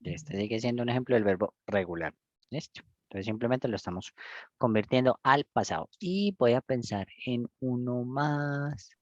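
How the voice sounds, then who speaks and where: A man's voice: medium pitch, moderate pace, no room sound, lo-fi sound. A man teaching English in Spanish, patiently explaining pronunciation step by step and checking in often. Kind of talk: one-on-one online English lesson.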